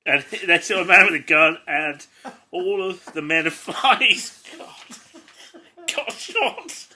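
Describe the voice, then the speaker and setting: There's slight background noise as an English comedy podcast co-host reads a child's stories slowly in a high, expressive, pushed and bright voice. Amused and giggly, he often stumbles and cuts in with comments.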